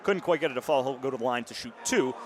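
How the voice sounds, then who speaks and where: A man in his early twenties does radio play-by-play for a basketball game from courtside, calling the action in punchy, clipped bursts. His voice is medium in pitch and fast, set against loud arena crowd noise and the sound of a bouncing ball.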